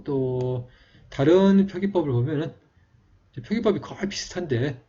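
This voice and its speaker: Male script teacher, patient explanatory delivery, slightly husky, muffled lo-fi recording. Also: mid-range voice, warm tone. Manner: slow, explanatory, drawn-out vowel demonstrations. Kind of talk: calligraphy lesson. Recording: dull lo-fi recording.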